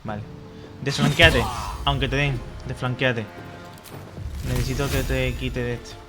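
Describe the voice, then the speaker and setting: A man's voice: mid-range voice, little pitch movement, a little fast. Swearing man streaming gameplay over music. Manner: swears and mutters at the game. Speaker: gaming streamer. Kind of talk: live gameplay commentary. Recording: game music behind the voice.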